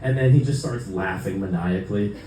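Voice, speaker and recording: A man's voice: low voice, a little fast, dark tone, a little hiss or hum. A young man performing a stand-up set in a club, loose and rambling, swearing freely and leaning on fillers. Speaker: stand-up comedian. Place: comedy club, indoors. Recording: echoey club from far off.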